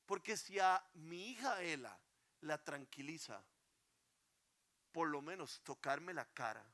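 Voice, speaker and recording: A young adult man preaching a sermon, earnest, rising to emphatic peaks and then dropping soft. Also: fairly high pitch, lively intonation, slow. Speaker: pastor.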